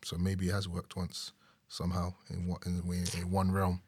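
A man's voice: low voice, completely flat delivery, normal speed, darkish tone, husky, no echo. A young man with a London accent chatting casually and giving opinions in a slangy roadman way. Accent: London, urban slang.

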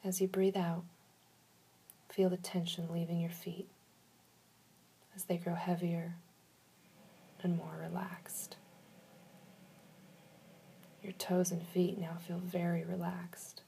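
A woman guides a relaxation exercise in a low-pitched, very breathy voice with a mellow, gravelly edge. She gives slow, soothing instructions and leaves long pauses between them. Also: flat delivery.

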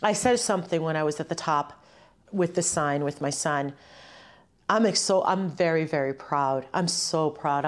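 A middle-aged woman with a slightly low voice reflects on her life as an interview guest, speaking personally. Born in Puerto Rico, she grew up in western Massachusetts from age two and is a mother and community organizer.

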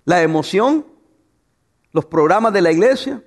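High-pitched, lively preaching man. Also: measured pace. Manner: preaching with laughs and rhetorical questions; tells humorous stories about his wife. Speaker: pastor. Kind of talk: sermon.

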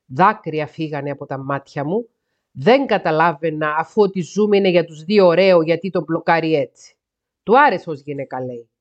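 A woman's voice: deep voice, animated, lo-fi sound. A woman podcast host reading a listener's letter aloud, breaking in with sarcastic comments. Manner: sarcastic asides between read passages.

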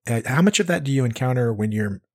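A man hosting a casual interview, relaxed and stopping often with fillers and restarts. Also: medium pitch, quick pace, husky. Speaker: interviewer, podcast host.

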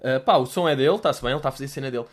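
A man's voice: medium pitch, racing. A young man with a Portuguese accent giving sarcastic commentary, mocking and profane, with laughing asides. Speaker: vlogger.

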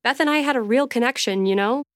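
A woman's voice: fairly high pitch, fast talker, no room sound, studio quality, close to an everyday voice. A woman playing a lovesick, heartbroken young woman who is pining for her ex in a comedy audio drama. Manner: moping, earnest.

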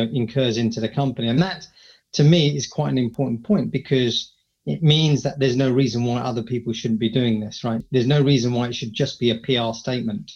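A man's voice: mid-range voice, a little mellow, highs cut off. A man co-hosting a podcast, chatting conversationally and often checking for agreement. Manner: conversational, seeks agreement with tag questions. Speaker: podcast co-host. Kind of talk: podcast interview.

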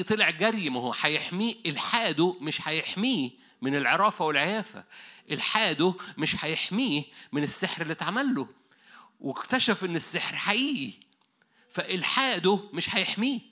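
A man with an Egyptian accent preaching an animated sermon, telling stories and laughing. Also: a little high, quick pace. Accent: Egyptian Arabic.

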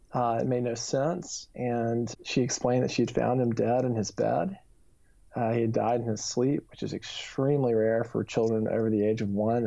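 A man in his thirties, an author and youth minister, speaks in a warm, gravelly, medium-pitched voice. He gives an earnest, reflective personal testimony in an interview, using plenty of fillers. The recording is dull and lo-fi.

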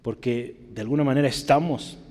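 A man's voice: medium pitch, a little fast, a little mellow, big-room sound. A male pastor preaching a sermon, punctuating his points with "¿verdad?" and climbing to emphatic peaks.

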